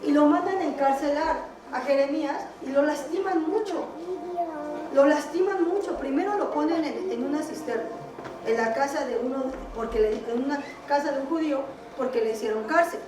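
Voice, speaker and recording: A woman preaching in a high, bright voice, telling a Bible story and turning to quiz the congregation. Her voice carries through a roomy, echoing hall, picked up from some way off the mic. Music plays clearly behind her. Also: normal speed, far from the mic, noisy background. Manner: quizzes the congregation with questions. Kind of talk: sermon retelling a Bible story. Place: church meeting hall.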